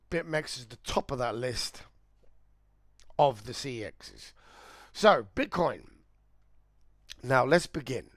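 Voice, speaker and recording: A man with a croaky voice, talking casually and rambling while he walks through charts on a live trading stream. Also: mid-range voice, a bit bright, dry recording. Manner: chatty, rambling, thinking aloud. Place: indoors, air-conditioned room.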